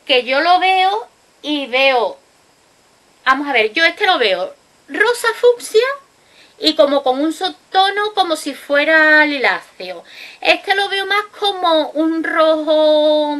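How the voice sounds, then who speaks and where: Woman beauty vlogger, unhurried and chatty, with a bright, clear voice. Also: high-pitched, lively intonation. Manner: chatty, explains with frequent tag questions. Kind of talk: casual makeup swatch review. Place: indoors at home, recorded late at night.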